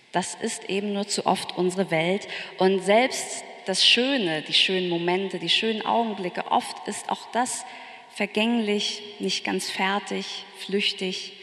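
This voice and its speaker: A woman pastor giving a sermon in slow, measured phrases, her voice rising on words she stresses. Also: medium pitch, a bit bright. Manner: slow, measured preaching with emphatic rises. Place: church. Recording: echoey church with long reverb.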